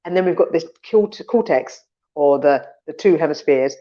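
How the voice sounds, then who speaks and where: Animated chatty woman, lo-fi sound. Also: low voice, moderate pace. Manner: animated, acts out inner voices with swearing. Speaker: podcast co-host. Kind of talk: casual conversational chat.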